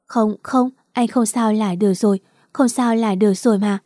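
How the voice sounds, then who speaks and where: A woman's voice: mid-range voice, fairly even intonation, moderate pace, warm tone, dry recording, studio quality, natural voice. A woman voicing a grief-stricken young woman who pleads tearfully with her lover. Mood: trembling.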